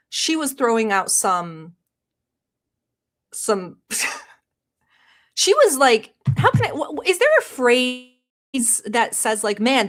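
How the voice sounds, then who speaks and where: A Turkish-born woman whose first language is Turkish chats casually on a live stream as a reaction streamer, laughing a lot and reading chat messages aloud. Her voice is mid-range and a little bright.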